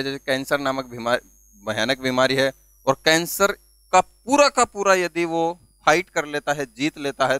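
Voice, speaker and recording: In a classroom-style video lesson, a man teaches vocabulary, asking questions, answering them himself, and spelling words out letter by letter. His mid-range voice has a sharp, clean tone, recorded dry.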